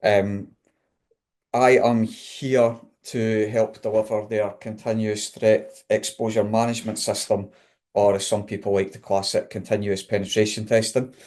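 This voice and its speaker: Middle-aged male webinar guest, broad Scottish accent, lowish voice, informal professional talk. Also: little pitch movement, measured pace, a little mellow. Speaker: guest, chief technology officer. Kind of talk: informal career introduction in a webinar.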